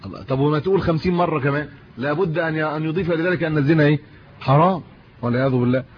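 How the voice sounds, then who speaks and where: A man's voice: fairly high pitch, very fast, husky. A man with an Egyptian Arabic accent giving a religious lesson, reading classical texts and explaining them in everyday speech with rhetorical questions. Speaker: religious teacher. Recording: muffled lo-fi audio with faint hiss.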